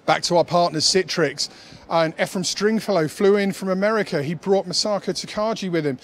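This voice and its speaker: A man hosting a conference TV wrap-up, talking emphatically and urging viewers straight to camera, a little out of breath. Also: a little high. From United Kingdom. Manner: emphatic, urgent, addresses viewers directly. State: running out of breath. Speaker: event TV host. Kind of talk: energetic event wrap-up presenting.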